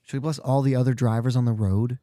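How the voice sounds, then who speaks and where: A man's voice: mid-range voice, fairly even intonation, fast, mellow, dry recording, studio quality. A man hosting a podcast in casual chat, teasing his co-hosts and steering the talk, his voice worn from a week of talking. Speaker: podcast host.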